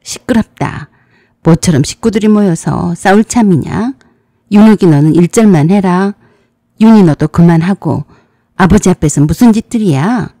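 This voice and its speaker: A woman's voice: fairly low pitch, moderate pace, warm tone, no room sound, clean studio sound. A woman voicing a stern old mother in a storybook drama who curtly orders her quarreling daughters to stop.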